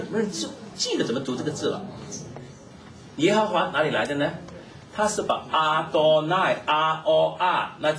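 A man preaching a Bible teaching sermon, explaining in a lively way and mixing in English terms. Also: a little high. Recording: echoey, distant mic, noisy room.

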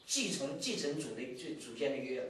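A man preaching a sermon as a story, animated, with many restarts and repeated words. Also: medium pitch, normal speed, recorded from a distance, slight background noise. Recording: echoey hall, voice from afar.

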